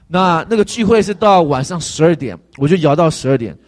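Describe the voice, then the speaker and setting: A male pastor giving a conversational testimony sermon, animated and full of fillers. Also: a little high, a little fast.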